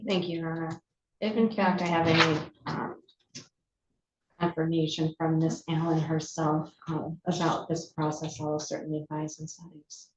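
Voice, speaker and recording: A woman prosecutor addressing the judge in court, formal and soft-spoken with some hesitation. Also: deep voice, level tone, moderate pace. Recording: roomy dull audio from off-mic.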